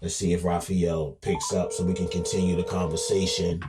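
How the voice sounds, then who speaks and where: A man hosting a podcast in a casual monologue, talking emphatically with many restarts and repeats, his volume swinging between loud and quiet. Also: deep voice, level tone, moderate pace, music in the background. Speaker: podcast host.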